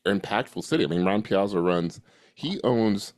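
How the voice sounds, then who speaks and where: A man hosting a podcast, cutting in with quick, chatty asides. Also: on the low side, lively intonation, a little mellow, no room sound, clean studio sound. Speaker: podcast host. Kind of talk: casual chat.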